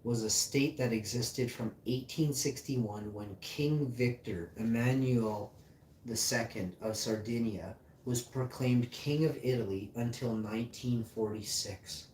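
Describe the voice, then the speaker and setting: A man's voice: medium pitch, darkish tone, far from the mic. Rambling man reading aloud on a livestream. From Icelandic and German parentage. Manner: rambling, reads aloud haltingly and muses between lines. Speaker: livestream host. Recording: echoey room, mic set back, faint hiss.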